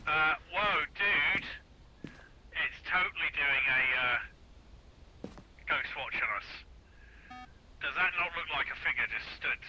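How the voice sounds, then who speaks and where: A man playing a ghost-hunting game with a friend, reacting in an animated way and reading the rules aloud. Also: fairly high pitch, takes it slowly, long pauses, noisy background. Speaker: co-player. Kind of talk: casual gameplay chat.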